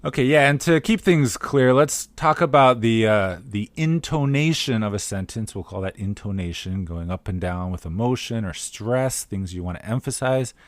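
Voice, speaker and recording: A man co-hosting a language-learning podcast who explains ideas clearly, like a teacher, with dry humor. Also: on the low side, animated, normal speed, few pauses, no echo. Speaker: podcast co-host. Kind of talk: casual chat.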